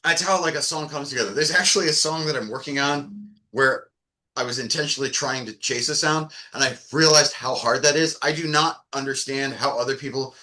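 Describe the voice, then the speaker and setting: A man from the Chicago area talks casually on a podcast, rambling easily through his explanations. His voice has a bright, forceful edge at a middle pitch. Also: brisk. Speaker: band member.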